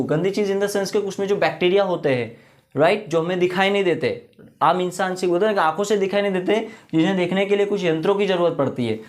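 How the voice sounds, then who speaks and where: A young man with an Indian accent teaches English words in a Hindi lesson, with a voice pitched a little high. He explains each word patiently, gives example sentences and checks with a frequent "right?".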